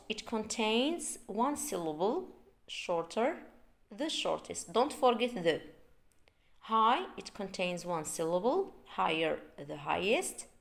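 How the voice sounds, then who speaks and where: A woman teaching an English grammar lesson, reading out words slowly and repeating them for learners. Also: medium pitch.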